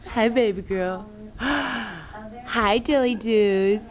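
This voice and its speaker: A woman's voice: mid-range voice, drawn-out words, muffled recording, a crowd in the background. A mother cooing to her baby in sing-song baby talk, full of gasps and kisses.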